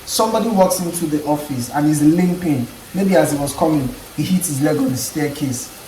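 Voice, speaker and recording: A woman's voice: deep voice, fairly quick, reverberant, far from the mic, a little hiss or hum, poor audio. A woman from Nigeria with a Nigerian accent, chatting casually in a vlog and acting out little quotes. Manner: animated storytelling with acted quotes. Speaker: vlogger. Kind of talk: casual chat.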